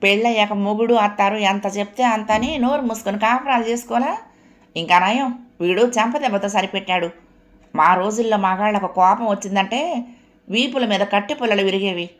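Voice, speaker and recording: A woman voicing a sharp-tongued older mother-in-law who scolds and grumbles. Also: medium pitch, normal speed, natural voice. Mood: lecturing. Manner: nagging, reproachful scolding.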